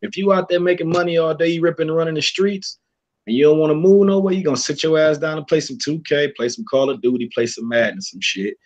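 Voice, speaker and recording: Loud profane man in casual chat. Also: fairly high pitch, fast. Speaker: panel guest. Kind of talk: casual round table chat.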